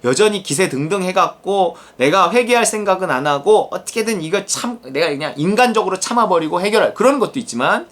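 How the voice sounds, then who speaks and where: A man preaching a sermon as a pastor, animated and vivid, acting out the inner voices of the people he describes. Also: sits high, fairly quick, few pauses. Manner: animated, acts out quoted inner voices and God's address.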